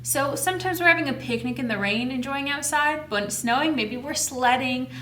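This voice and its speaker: This woman's high, fairly bright voice moves briskly as she leads story time, reading a picture book and explaining it simply to kids while she asks and answers her own questions. A faraway microphone in an echoey room picks up a little hiss or hum.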